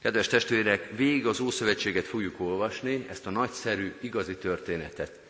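A man's voice: on the low side, fairly bright tone. A man preaching a sermon as pastor, speaking earnestly and directly to his congregation. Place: church. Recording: long church reverb.

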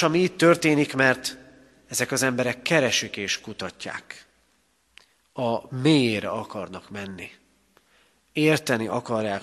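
A male pastor from Hungary preaching a sermon in a church, emphatic, with pauses and rising stresses. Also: medium pitch, a bit bright. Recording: long reverb of a church hall.

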